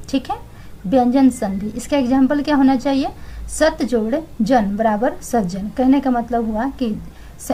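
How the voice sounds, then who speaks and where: Young woman, tutor, mellow warm tone, higher voice, repeats each answer. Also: rough recording. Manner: explains, then repeats each answer with "thik hai". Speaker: teacher. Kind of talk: exam answer walkthrough.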